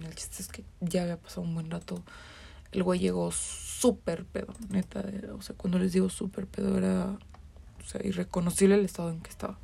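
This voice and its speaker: Podcast guest: Mexican woman, heavy vocal fry, mid-pitched, candid and profane storyteller. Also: mellow. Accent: Mexican Spanish. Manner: candid, swears freely, many fillers. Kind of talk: casual storytelling.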